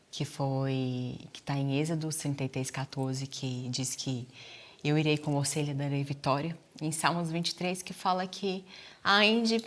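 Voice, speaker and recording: A woman from Brazil gives an earnest testimony of faith, quoting scripture as she speaks. Her voice is low for a woman. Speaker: guest, nurse.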